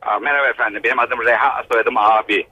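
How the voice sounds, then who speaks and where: A man in his fifties comes through over a landline phone, his voice husky and bright with a forceful edge. He talks fast, explaining his point with frequent hesitations. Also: medium pitch, steady tone, no echo. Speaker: caller, human resources trainer. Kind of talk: call-in radio talk. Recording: phone call into a radio show.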